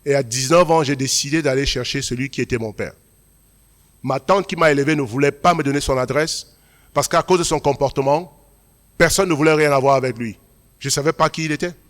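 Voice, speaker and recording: A man's voice: medium pitch, a little fast. Man preaching in a reverberant church hall. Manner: emphatic preaching, drops to quiet storytelling. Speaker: pastor. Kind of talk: sermon. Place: large church hall at a Sunday service.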